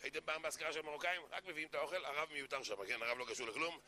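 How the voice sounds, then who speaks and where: A man giving a sermon that mixes jokes with Torah teaching, telling stories in an animated way and acting out the characters. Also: on the high side. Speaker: preacher.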